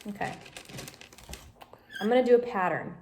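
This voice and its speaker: A woman's voice: mid-range voice, animated, moderate pace, a little mellow, a little hiss or hum. A woman teaching a home craft tutorial on a phone camera, explaining each step patiently and coaching a child beside her. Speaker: craft instructor.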